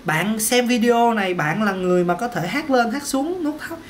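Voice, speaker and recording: A man gives a casual singing lesson to camera in a high-pitched voice with lively intonation at normal speed. He's chatty, repeats words, and slips in little "ok"s, with a slight hiss or hum on the recording.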